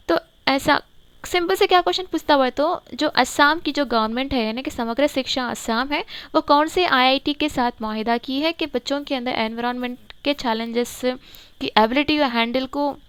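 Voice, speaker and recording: Lady teacher, high clear voice, repeats stuff so you remember it, dry close sound. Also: no echo. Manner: explains slowly, repeats key words for memory. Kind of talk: exam-prep current affairs lesson.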